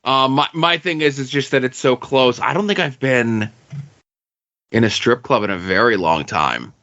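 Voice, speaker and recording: A man's voice: medium pitch, expressive, moderate pace, pushed and bright, dull audio. A man co-hosting a podcast, chatting casually in an easygoing way with short replies. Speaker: podcast co-host. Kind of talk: casual chat.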